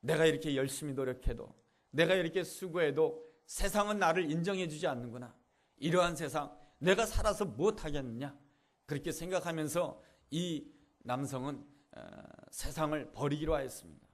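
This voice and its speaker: A man's voice: on the high side, moderate pace. A male pastor preaching a sermon, telling a story with earnest, repetitive emphasis.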